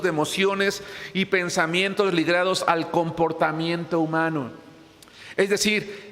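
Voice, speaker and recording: Guy preaching in a church hall, pretty high voice, keeps saying brothers, big long echo. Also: bright, forceful tone. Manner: earnest, repeats phrases and addresses the congregation as brothers. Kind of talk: sermon.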